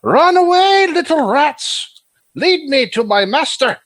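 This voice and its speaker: A man voicing a menacing, unearthly villain who calls out in a drawn-out way in a tabletop game. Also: very high voice, sing-song, a bit bright, no room sound, pitched above the performer's own voice, heavily acted. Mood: menacing, taunting. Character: menacing unearthly echoing villain voice calling out threats. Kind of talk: tabletop role-play.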